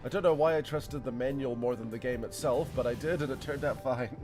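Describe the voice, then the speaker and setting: A man streams a game and chats casually with his viewers, rambling and laughing often as he talks to chat. His medium-pitched voice is fairly quick, and game music plays underneath.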